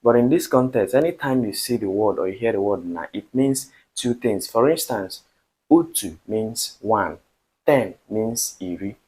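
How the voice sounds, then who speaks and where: A man from Nigeria teaching a beginner language lesson, speaking slowly and repeating each word for practice. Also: fairly low pitch, lively intonation, darkish tone, husky.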